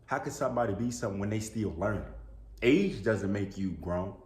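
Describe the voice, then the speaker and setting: The speaker is a man with a somewhat low, slightly mellow voice, talking fairly quickly in an echoey room. Addressing his camera indoors as a YouTuber, he sounds a bit under the weather, sneezing occasionally. He preaches earnestly, repeating "bro" and "you know what I'm saying."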